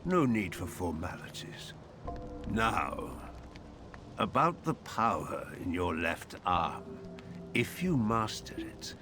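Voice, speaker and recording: Sly cryptic wanderer in a video game, super slow taunting delivery, lowish voice, theatrical. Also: male voice. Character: sly, mocking, mysterious male wanderer, cryptic tempter. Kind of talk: video game character dialogue.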